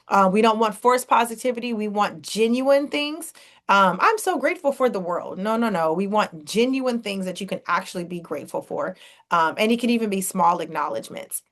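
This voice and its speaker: A woman therapist talking through practical tools for depression in a conversational way, acting out what clients and friends might say. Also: medium pitch. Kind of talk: podcast teaching on mental health.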